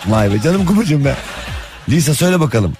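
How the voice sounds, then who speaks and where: A man's voice: fairly high pitch, very animated, brisk, over music. A man hosting a radio show in casual, comic banter, teasing and acting out imagined scenes.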